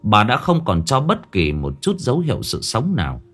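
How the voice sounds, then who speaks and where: A male storyteller tells a horror tale. His mid-range voice swings widely in pitch to build the mood. Soft music plays faintly beneath him. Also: normal speed. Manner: dramatic, expressive storytelling.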